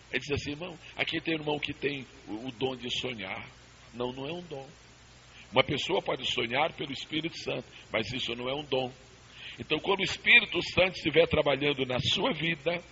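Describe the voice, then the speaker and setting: A man's voice: fairly high pitch, bright, forceful tone. A male pastor teaching a Bible seminar, emphatic and calling for amens, heard from a worn old tape copy. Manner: emphatic, calls for amens and repeated answers. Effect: worn old tape copy with hiss. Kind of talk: preaching Bible study to a congregation. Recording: muffled hissy old cassette tape.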